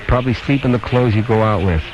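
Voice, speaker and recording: Talking fast in a fairly low voice, a man hosts a phone-in advice show from a radio studio, probing callers bluntly and offering strong opinions. The sound is that of a noisy, dull lo-fi AM aircheck.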